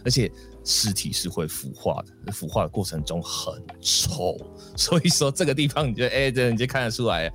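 A man's voice: lowish voice, lively intonation, moderate pace, fairly bright tone, soft background music. A man hosting a podcast, casually telling a folk ghost story with many fillers and acted voices. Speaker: podcast host.

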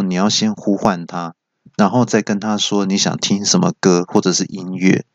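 A man's voice: sits low, vocal fry, dry recording. A man hosting a comedy podcast, telling stories animatedly with stammering restarts. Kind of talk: comic storytelling. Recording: dry, dull lo-fi.

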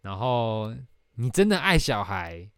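A man's voice: lowish voice, sing-song, slow pace, fairly bright tone, clear, resonant tone, no echo. A young man with a Taiwanese Mandarin accent, hosting a casual podcast and telling a rambling story with casual swearing. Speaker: podcast host.

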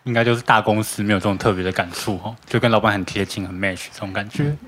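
A woman's voice: rumbling low, fairly even intonation, fast, a little hiss or hum. A woman with a Taiwanese Mandarin accent chatting casually in a group, her words a little slurred and indistinct from wearing braces. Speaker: podcast panelist, police officer.

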